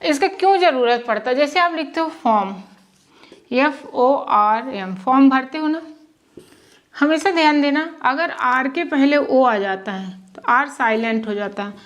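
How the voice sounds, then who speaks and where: A woman teaching English pronunciation at a whiteboard, often asking a question and answering it herself and repeating sounds slowly. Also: high voice, lively intonation. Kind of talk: whiteboard lesson in Hindi. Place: classroom with whiteboard.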